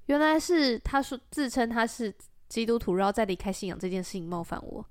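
Woman, Taiwanese Mandarin accent, podcast co-host, higher voice, very animated pitch, expressive. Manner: expressive, reacts with quick agreement. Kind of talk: casual chat.

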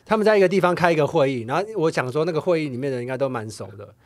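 A man's voice: a little high, racing, no echo. A man from Taiwan with a Taiwanese Mandarin accent, a stand-up comedian telling rambling joking stories in casual podcast chat.

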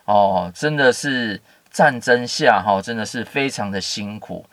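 A man's voice: on the low side, measured pace, a bit bright, dry recording. A man giving a casual Bible teaching, reading scripture and adding chatty asides with many fillers. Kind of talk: casual Bible story commentary.

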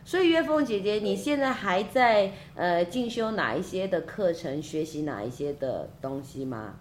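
A woman hosting a podcast interview, talking in a halting way and repeating words while she looks for them. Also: lowish voice, lively intonation, a little hiss or hum. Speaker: podcast host. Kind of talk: casual interview chat.

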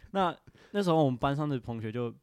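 A man's voice: mid-range voice, expressive, fairly quick, a little mellow, clean tone, no room sound, studio quality. A young man from Taiwan, telling stories in casual podcast chat, laughing often and acting out quoted voices. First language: Hindi. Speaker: podcast co-host.

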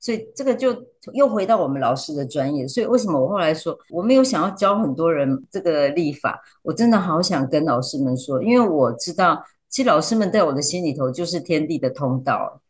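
A woman teacher, a podcast guest, chatting casually and telling animated stories. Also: low voice, brisk, hardly any pauses. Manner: animated storyteller, acts out quotes.

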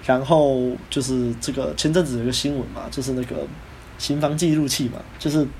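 A man with a Taiwanese Mandarin accent, hosting a podcast, telling a personal story in a casual, animated way and acting out the people he quotes. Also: medium pitch, fairly quick, a little hiss or hum. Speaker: podcast host.

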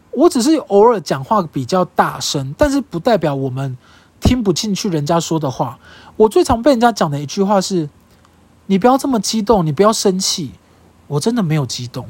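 A young adult podcast host with a Taiwanese Mandarin accent, talking alone in a casual, emphatic and expressive way, with casual swearing. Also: medium pitch, slightly rough, dry recording. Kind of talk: casual solo podcast monologue.

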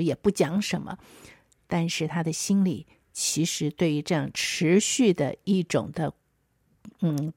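A woman podcast host, telling a story in an earnest, reflective way with soft trailing asides. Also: fairly low pitch, breathy edge, dry recording, studio quality. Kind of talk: storytelling monologue.

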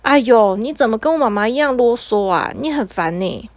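A woman's voice: lively intonation, moderate pace, dry recording. A woman voicing a cheeky little boy who babbles in panic. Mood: annoyed. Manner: high, whiny, gibberish babbling.

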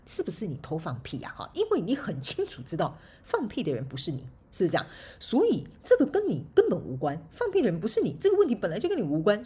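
A woman's voice: fairly high pitch, dark tone, slightly rough. A woman hosting a solo podcast, giving casual advice in a chatty, playful way full of laughing asides. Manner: chatty, frequent laughing tag particles, playful examples. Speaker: podcast host and motivational speaker.

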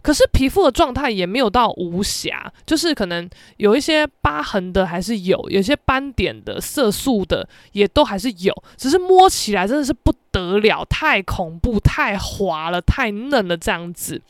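A young woman, hosting a podcast and telling a story in a lively, dramatic, self-mocking way. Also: medium pitch, moderate pace, few pauses, no echo. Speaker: podcast host. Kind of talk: casual storytelling monologue.

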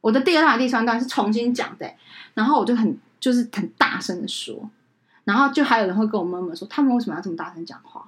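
Speaking fast in a fairly high voice, a young woman, a podcast co-host and wedding emcee, shares a story during casual conversation. She's animated, acting out everyone she quotes.

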